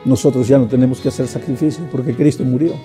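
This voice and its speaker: A man's voice: medium pitch, fairly even intonation, fast, dark tone, soft background music. A man preaching a sermon in an earnest, explanatory way, speaking directly to the listener.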